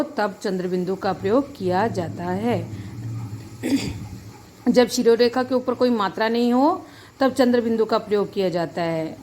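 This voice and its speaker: A woman's voice: mid-range voice, slight background noise. A woman teacher giving a grammar lesson, patient, repeating each point and checking that her students follow. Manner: addresses students as children.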